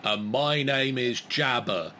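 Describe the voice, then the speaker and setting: A man voicing a bickering, friendly two-headed cave creature in a tabletop game, with slow, simple phrasing. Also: medium pitch, bright, forceful tone, slight background noise.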